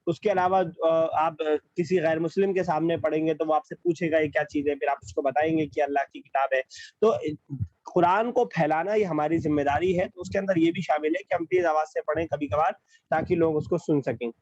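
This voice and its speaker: A man's voice: on the high side, steady tone, darkish tone, no echo, dull audio. A man teaching an online class, explaining patiently over a video call and repeating key phrases.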